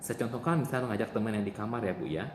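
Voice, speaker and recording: A man's voice: fairly low pitch, racing. A man playing a nurse in a role-play demonstration, patiently repeating the patient's answers back to her. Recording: echoey room with faint noise.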